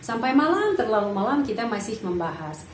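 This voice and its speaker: Fairly high-voiced woman teaching slowly. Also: sing-song, slight background noise. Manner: explains patiently, slowly sounds out example words. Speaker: Russian language teacher. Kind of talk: language lesson. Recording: echoey room.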